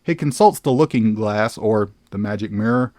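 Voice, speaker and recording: A man's voice: lowish voice, normal speed, darkish tone, no echo, clean studio sound. A man hosting a comedic film review, exclamatory and sarcastic as he narrates.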